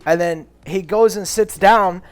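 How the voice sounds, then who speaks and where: A young man with a fairly high voice tells a rambling, profane story on a casual podcast. He loudly acts out the people he quotes. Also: a little slow. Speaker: podcast co-host.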